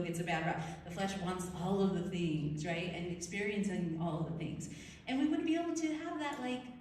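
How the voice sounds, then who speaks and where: A woman tells stories to a live audience, chatty and animated, and keeps asking the room questions. Her voice is distant and carries a strong hall echo. A faint hum of room ambience sits behind her. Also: medium pitch. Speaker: speaker at a storytelling event. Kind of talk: live storytelling talk to an audience. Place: large room at a live event. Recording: echoey hall, voice from far off.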